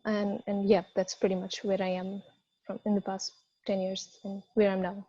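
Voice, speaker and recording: A woman scientist from India speaking on an online panel over a video call, halting with many "uh" fillers. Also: mid-range voice, monotone, dark tone, no room sound, highs cut off.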